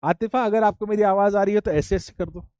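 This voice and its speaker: A man's voice: high-pitched, fairly even intonation, fairly quick, dark tone, smooth, no room sound. A male teacher, teasing his students playfully and calling out their names on an online class video call.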